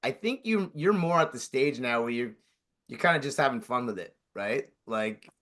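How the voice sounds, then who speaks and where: A man's voice: medium pitch, lively intonation, normal speed, fairly bright tone. A man leading a casual group coaching call, upbeat and encouraging, who swears casually and invites others to speak.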